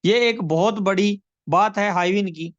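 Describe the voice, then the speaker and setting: A man giving a persuasive sales pitch on a video call, repeating numbers and calling listeners friends. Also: a little slow, dry recording. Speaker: presenter of a money scheme. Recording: dry, dull lo-fi call audio.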